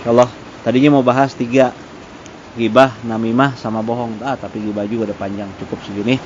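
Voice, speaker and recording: Male religious teacher, relaxed conversational lesson with Arabic recitation; muffled lo-fi recording. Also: mid-range voice, fast. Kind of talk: casual religious study lesson. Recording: dull lo-fi with faint noise.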